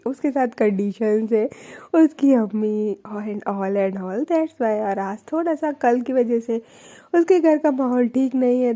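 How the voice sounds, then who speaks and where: A woman's voice: high voice, dark tone. A young woman casually narrating a love story in a chatty way, sprinkling in English fillers.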